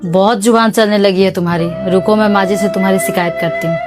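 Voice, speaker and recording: A woman's voice: mid-range voice, steady tone, fast talker, over music, lightly acted. A woman playing young daughters-in-law in a family drama, arguing emphatically. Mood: argumentative. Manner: argumentative, emphatic. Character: young Indian daughters-in-law, quarrelsome and dutiful.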